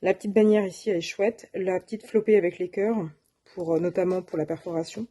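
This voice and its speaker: A woman's voice: on the low side, fairly even intonation, fairly quick, dark tone. A woman presenting her shopping haul of craft supplies in a casual, hesitant way, with many fillers and self-corrections. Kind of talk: casual show-and-tell.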